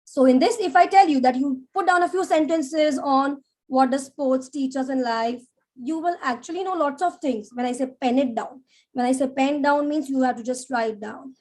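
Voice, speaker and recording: A woman teaching a live public speaking class, animated and demonstrative, often checking in with "yeah?". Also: high voice, moderate pace. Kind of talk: live online class lecture.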